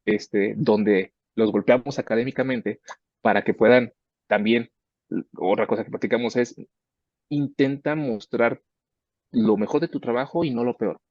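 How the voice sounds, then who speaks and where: A man of middle pitch explains how he mentors his research students, slipping into the voices of both sides of their talks. The sound is dry and a little dull. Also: measured pace, dry recording. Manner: conversational, acts out student dialogues. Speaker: research professor.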